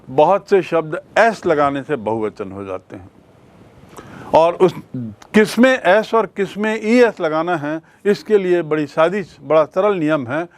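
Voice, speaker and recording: Slow, patient Hindi-accented male teacher. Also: a little high. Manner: patient, repeats key words as questions to the class. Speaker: English grammar teacher. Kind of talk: classroom lesson explaining rules.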